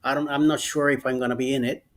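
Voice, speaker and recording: A man's voice: medium pitch, flat delivery, quick pace. A man hosting a casual livestream late at night, tired after hours on air, rambling with fillers and restarts over a video call. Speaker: livestream host.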